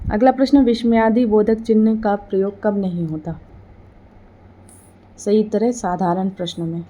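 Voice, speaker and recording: In a medium pitch, a female presenter reads exam-prep quiz questions and then their answers, keeping her delivery even and formulaic.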